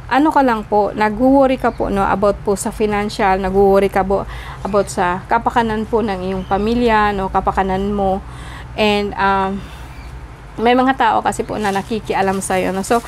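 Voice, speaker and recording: A woman at a middling pitch reads tarot cards for the listener, speaking with polite, deferential phrasing. She keeps checking in with a little "no?" after nearly every thought and slips English words into her sentences. A faint ambience hums behind her. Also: a little hiss or hum. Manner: mixes English into her talk. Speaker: tarot reader. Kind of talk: tarot reading addressed to the viewer.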